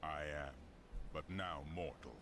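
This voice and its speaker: A man's voice: very deep voice, a little slow, background noise. A man playing a solemn, wary fallen angel warrior in a dramatic video game.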